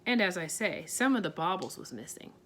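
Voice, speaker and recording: Pod, a woman voicing a tiny steady borrower father. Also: on the low side, fairly quick. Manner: homely ungrammatical talk, calm reassuring. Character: tiny borrower father, middle-aged, steady, plain-spoken.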